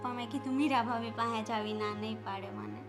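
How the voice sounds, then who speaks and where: A woman's voice: fairly high pitch, steady tone, fairly quick, soft background music, lightly acted. A young woman playing a pushy sister-in-law who nags and insists. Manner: nagging, insistent. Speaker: husband's sister.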